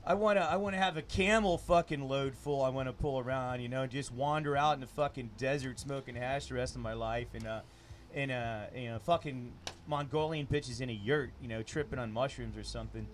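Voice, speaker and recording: A man's voice: mid-range voice, brisk, a little hiss or hum. A man who produces adult films, chatting in an interview in a rambling, crude way and laughing often. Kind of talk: casual interview chat.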